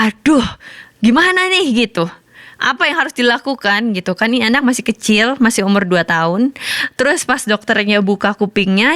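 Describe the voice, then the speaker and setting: A woman pastor in her thirties sharing a personal testimony in a sermon, telling it in a lively, chatty way. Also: medium pitch, no echo, studio quality. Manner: storytelling with lively colloquial asides.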